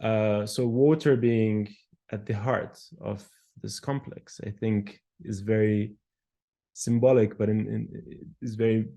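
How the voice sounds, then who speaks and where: Low gravelly-voiced man, measured and thoughtful. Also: little pitch movement, mellow. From Palestine. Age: 30s. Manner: thoughtful, measured, frequent pauses and fillers. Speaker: architectural historian. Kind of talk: interview answers.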